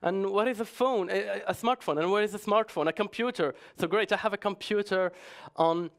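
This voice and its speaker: At a conference, a man with a high-sitting voice gives a brisk talk that is chatty and jokey, frequently hesitating and restarting.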